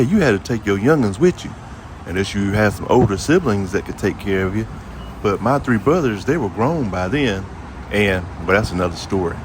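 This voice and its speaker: With a mid-range voice and slight background noise, a man in his fifties relates a personal story to his viewers. He's a vlogger from Jacksonville, United States, with a Southern American accent, filming outdoors by an old building near a highway. His manner is casual, folksy, and aimed right at his audience.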